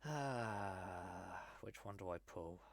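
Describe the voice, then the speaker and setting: A man's voice: on the low side, normal speed, a bit bright, dry recording. Man, tabletop player, exasperated groans, dry close sound. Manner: exasperated, swears and groans in character. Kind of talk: playing a tabletop game.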